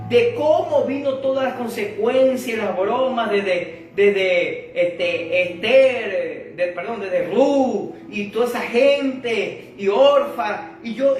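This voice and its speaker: Slow-preaching man in a booming hall. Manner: emphatic, addresses the congregation directly; repeats words and restarts phrases. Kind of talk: sermon. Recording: very echoey hall from far off with faint music.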